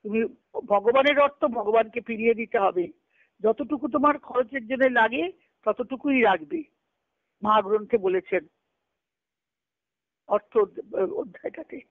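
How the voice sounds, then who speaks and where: This woman's fairly high voice has lively intonation, and she takes her time, pausing often. A spiritual discussion speaker on a group conference call, she reads letters aloud and explains them didactically, repeating phrases. The line is tinny and band-limited, with no room sound.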